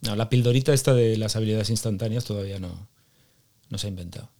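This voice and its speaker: Joking podcast host, low voice. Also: male voice, fast talker, dark tone. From Spain. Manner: joking, chatty asides. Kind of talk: casual podcast interview.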